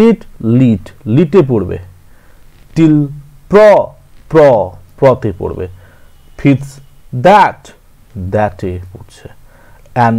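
A man's voice: mid-range voice, dark tone. A man with a Bengali accent teaching verse scansion, counting syllables aloud and correcting his own slips. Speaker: literature teacher.

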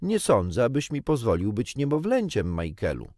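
A man voicing a shy, obedient boy who speaks earnestly and gravely. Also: medium pitch, huge pitch swings, a little mellow, dry recording, clean studio sound. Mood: solemn. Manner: shy, solemn, drawn-out.

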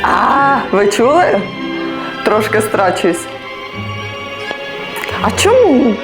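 Middle-aged woman, slow and very expressive, gameplay commentary with an orchestra playing behind. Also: on the high side. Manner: animated, exclamatory, talks to viewers while playing. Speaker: mother playing a VR conductor game. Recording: orchestral game music loud behind her.

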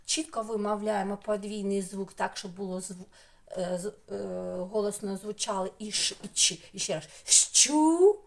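A woman teaching a remote speech lesson to young children, sounding each syllable out clearly in a coaxing way. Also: mid-range voice, little pitch movement, moderate pace.

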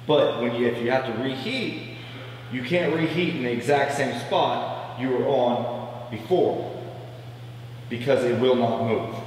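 A welder in his thirties demonstrates fabrication in a large metal shop, giving plain, practical instruction at a measured pace with long pauses. His mid-range voice has a darkish tone, captured by a distant camera mic with a little hiss or hum and long shop reverb.

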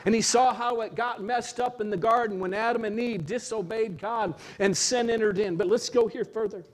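A man pastor preaching a sermon, reading scripture aloud and then expounding on it in an earnest, searching way with slow emphatic pauses. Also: high-pitched.

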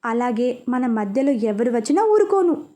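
A woman's voice: on the high side, very animated, moderate pace, warm tone. Woman reading as a fiery possessive young man. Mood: heated. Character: hot-tempered, possessive young man in love.

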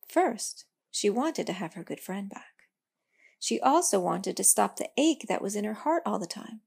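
A woman voicing a wise old elm tree who speaks calmly and reassuringly. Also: mid-range voice, moderate pace, gravelly, husky. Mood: gentle. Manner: calm, gentle, reassuring.

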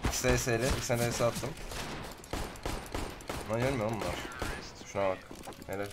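A man calling out enemy positions to his team in game voice chat, quick and excited. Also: mid-range voice, noisy background. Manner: rapid excited callouts. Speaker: teammate in an online shooter match. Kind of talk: gaming voice chat callouts. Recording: voice chat over loud gunfire.

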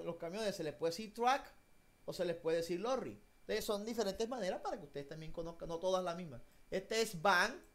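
A teacher running an online English class for children, switching between Spanish and English, patient and encouraging as they coax each child by name. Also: medium pitch.

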